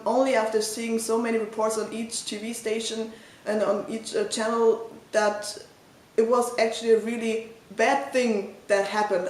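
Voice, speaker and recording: A woman in her twenties with a German accent, recalling a memory hesitantly, with many pauses and fillers. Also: a little high, a little mellow. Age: 20s. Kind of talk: personal recollection. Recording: echoey room.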